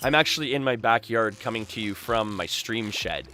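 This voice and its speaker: A man's voice: fairly low pitch, normal speed, pushed and bright, slight background noise. A boisterous, chatty man from Canada hosting a casual livestream, talking with his viewers. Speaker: live game streamer and host. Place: small backyard shed used as a streaming room.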